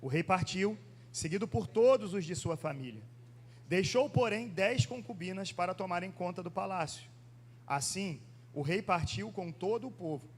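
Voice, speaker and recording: Man, Brazilian Portuguese accent from Rio, pastor, sermon, high-pitched, measured scripture reading, rhetorical questions to the congregation. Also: breathy edge. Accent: Brazilian Portuguese, Rio de Janeiro. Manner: reads scripture slowly, then preaches with rhetorical questions. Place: church sanctuary.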